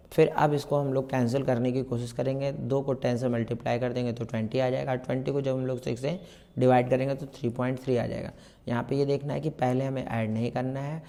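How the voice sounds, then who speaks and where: A man's voice: medium pitch, warm tone. A man teaching a step-by-step math lesson, mixing in terms and asking and answering his own questions. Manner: explains slowly, repeats steps, asks and answers own questions.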